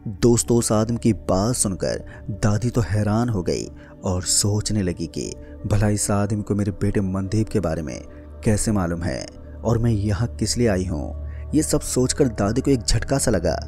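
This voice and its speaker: A man tells a scripted horror story in a steady, measured voice. His tone is mellow and sits a little low, with faint music playing behind him.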